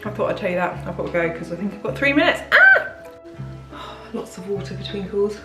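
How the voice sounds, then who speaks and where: A woman's voice: medium pitch, lively intonation, fast talker, roomy sound, soft background music, rough recording. A British woman in her thirties chatting candidly in a casual food vlog from her home kitchen, laughing easily as she talks. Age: 30s. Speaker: diet plan consultant and vlogger.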